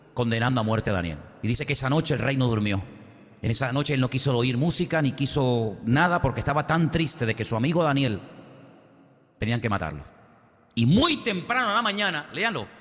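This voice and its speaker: A man's voice: fairly high pitch, a bit bright, long reverb tail. A male pastor preaching a sermon, telling Bible stories dramatically and acting out their voices. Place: church.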